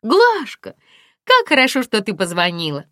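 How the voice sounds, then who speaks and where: A woman's voice: wildly swooping pitch, bright, forceful tone, no room sound, clean studio sound, exaggerated voice. Woman putting on Violetta, a gushing young friend. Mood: overjoyed. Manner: high, gushing, rushed. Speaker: audiobook reader.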